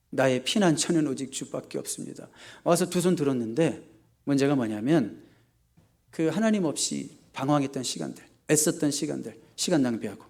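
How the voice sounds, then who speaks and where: A male pastor delivers a Sunday sermon in a voice pitched a little higher than most men. He is animated and rhetorical, putting questions to his listeners, pushing loud on key points and dropping to quiet asides. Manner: asks the congregation rhetorical questions. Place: church service.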